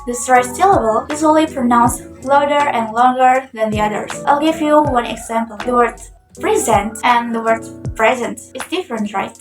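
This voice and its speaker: A young woman presenting a linguistics lesson as a student, slowing down carefully on example words, with some non-native grammar. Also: a little high, reverberant, recorded from a distance, music in the background, poor audio.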